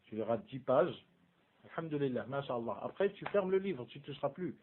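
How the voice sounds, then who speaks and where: A man's voice: mid-range voice, animated, brisk, slight background noise. A man giving a casual religious lesson, asking his students rhetorical questions and mixing in Arabic terms. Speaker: Islamic studies teacher. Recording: phone-like narrow band.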